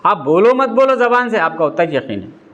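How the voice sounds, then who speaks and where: Male preacher, high voice, chatty and questioning delivery, teaching a religious talk. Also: very animated, fairly quick, fairly bright tone, muffled recording. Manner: conversational, asks listeners rhetorical questions. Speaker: Islamic preacher.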